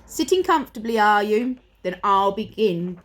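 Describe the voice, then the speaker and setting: A woman voicing a brisk, confident male policeman from a children's storybook, commanding and emphatic. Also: medium pitch, animated, natural voice. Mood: cocky.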